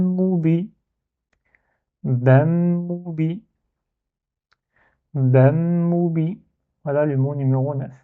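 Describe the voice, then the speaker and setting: A man teaching a reading lesson step by step, patiently repeating syllables to demonstrate pronunciation. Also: mid-range voice. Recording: dull, muffled lo-fi recording.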